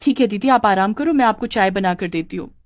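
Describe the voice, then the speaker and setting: A woman's voice: medium pitch, expressive, fairly quick, no room sound, highs cut off, natural voice. A woman voicing a kind, hardworking young bride in a cartoon story, who speaks politely and earnestly.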